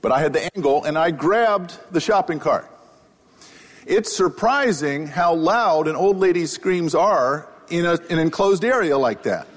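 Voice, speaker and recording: A man's voice: on the high side, expressive, unhurried. Wry storytelling man in a reverberant hall. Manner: wry, self-deprecating anecdotal delivery. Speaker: economist giving a public talk. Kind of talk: humorous storytelling lecture. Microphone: wearing a microphone. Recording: live talk with long hall reverb.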